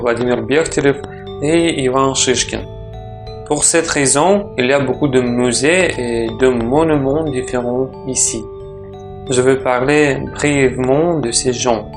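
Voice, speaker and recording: A man from Russia with a Russian accent, a native Russian speaker, narrating a travel vlog in halting, careful phrases. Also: mid-range voice. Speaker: travel vlogger. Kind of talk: scripted vlog narration in French. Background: music.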